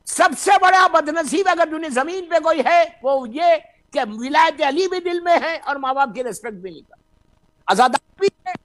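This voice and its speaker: A man preaches, his voice pitched very high and sharply bright. He delivers an impassioned sermon, slipping in English phrases and rising into loud shouted bursts. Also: expressive. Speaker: Shia cleric giving a majlis sermon.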